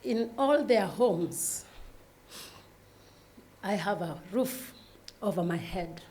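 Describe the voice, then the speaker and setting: A woman who founded the foundation giving a speech at its event, emotional and holding back tears as she speaks haltingly and apologetically. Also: medium pitch, lively intonation, a little mellow, a little hiss or hum.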